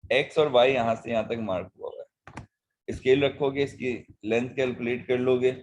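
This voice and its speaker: A man's voice: medium pitch, fairly even intonation, moderate pace. A man teaching biology, patiently walking students through past-paper questions in mixed Hindi and English. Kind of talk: online past-paper lesson.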